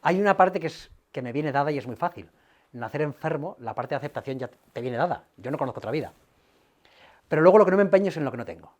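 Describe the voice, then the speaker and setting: A man, a guest speaker telling personal stories to an audience, acting out dialogue lively and swearing casually. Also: a little high, fast. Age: 40s.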